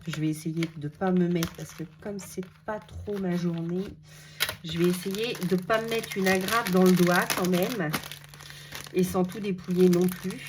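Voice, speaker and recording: A woman's voice: on the low side, background noise. A woman with a French accent, chatting casually as she unboxes and shows craft supplies, gushing and full of fillers. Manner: gushing, repeats words, many fillers. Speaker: crafting vlogger showing a haul.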